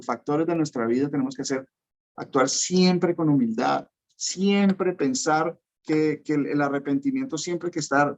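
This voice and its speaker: Preaching man with a raised voice. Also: a little high. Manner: emphatic preaching with frequent rhetorical questions. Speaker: pastor. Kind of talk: sermon.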